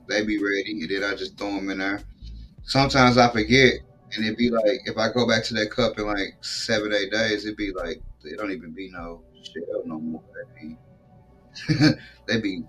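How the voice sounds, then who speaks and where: A man's voice: lowish voice, steady tone, moderate pace, a bit bright, faint music behind. A man hosting a casual stream, talking loosely with slang and frequent swearing while showing his home grow room.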